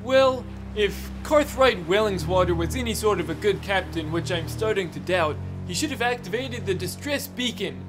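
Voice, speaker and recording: Guy doing a squeaky boastful goofball captain, rambly and jumpy, game music under it. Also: moderate pace, hardly any pauses. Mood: fussy. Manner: excitable, rambling, yelps. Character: bumbling, boastful male ship captain. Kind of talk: machinima comedy voice acting.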